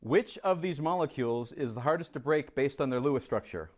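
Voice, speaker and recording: Coaxing his students to answer and teasing them along the way, a man reviews problems in a lively chemistry lesson. He speaks briskly in a mid-range voice.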